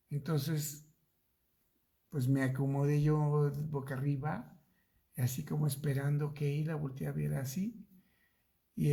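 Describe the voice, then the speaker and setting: In a Bible study sermon, a middle-aged pastor with a Mexican accent relates a personal story and acts out the lines of dialogue. His mellow voice is on the high side, with vocal fry. He narrates slowly, stretching the story out.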